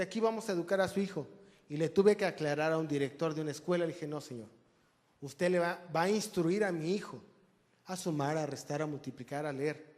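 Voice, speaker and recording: A man's voice: high-pitched, a little mellow. A man preaching a conversational sermon, joking with the congregation. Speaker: pastor. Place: church hall. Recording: long church reverb.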